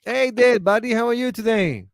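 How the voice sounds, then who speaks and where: A man with a Chilean accent teaching English on a video call, animated and encouraging, speaking slowly and clearly for learners. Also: very high voice, dry recording, clean studio sound. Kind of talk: online English class.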